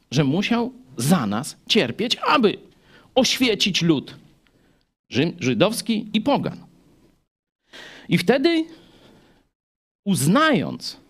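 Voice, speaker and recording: Male preacher, fairly high voice that swings a lot, chatty asides. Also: breathy edge. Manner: animated, chatty, rhetorical asides. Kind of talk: Bible study sermon.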